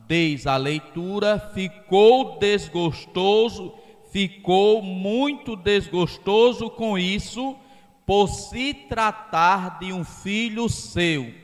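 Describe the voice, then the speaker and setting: A male parish priest with a Northeastern Brazilian accent, preaching a homily at mass, slow and emphatic, with folksy asides and rising loud on key phrases. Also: a little high. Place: church. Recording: church hall reverb.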